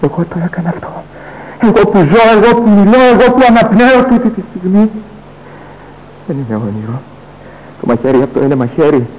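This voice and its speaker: A man's voice: mid-range voice, mellow, husky, lightly acted, rough recording. An actor playing a young man who is a horrified, grieving son, speaking in anguished, pleading outbursts. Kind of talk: theatrical radio drama acting.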